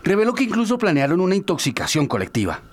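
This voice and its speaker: A man's voice: high-pitched, wildly swooping pitch, fast talker. A man narrating a news report and putting questions to an interviewee. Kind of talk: scripted news voice-over and interview.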